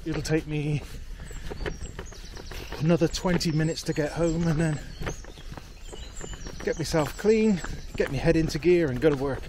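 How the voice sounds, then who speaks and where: A man in his forties, a camping vlogger, talking to a handheld camera in a laid-back, low-key way in a field. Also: measured pace, long pauses, background noise. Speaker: outdoor vlogger. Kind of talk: casual solo camping vlog. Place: tarp shelter in a field at night, then walking outdoors. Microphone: handheld camera close up.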